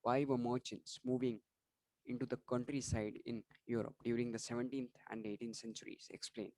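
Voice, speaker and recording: A man's voice: medium pitch, level tone, moderate pace, a little mellow, dry recording, low-quality recording. A man going through exam questions and answers for students in an online revision lesson, often restarting words and apologizing for slips. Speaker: online tutor.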